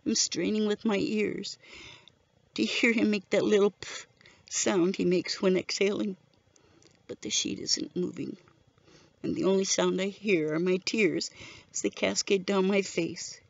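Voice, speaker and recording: A woman's voice: mid-range voice, fairly even intonation, measured pace, vocal fry, pauses often, dry recording, highs cut off. A middle-aged woman telling the story of her husband's death in an emotional, tearful way. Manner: emotional, tearful, present-tense retelling. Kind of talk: personal spoken testimony.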